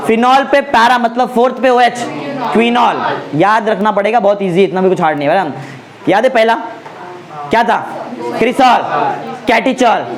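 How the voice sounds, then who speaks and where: A man with a fairly high voice teaches a classroom lecture. He keeps stopping to quiz his students with quick check-in questions and slowly repeats each key name so it sticks. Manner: repeats names slowly for emphasis. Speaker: chemistry tutor.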